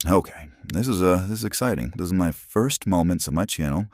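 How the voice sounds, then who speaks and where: A man's voice: animated, fairly quick, darkish tone, a little hiss or hum. A man in his forties from Arizona, talking through a voice changer, rambling casually with many restarts into a phone. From Arizona, USA. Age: 40s. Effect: voice changer, pitched very deep. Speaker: channel host.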